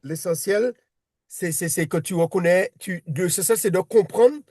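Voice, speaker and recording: A man's voice: high voice, normal speed, darkish tone, dry recording, studio quality. A man teaching a one-on-one reading lesson, patient and repetitive, often restarting his sentences. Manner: patient, repeats himself, many restarts.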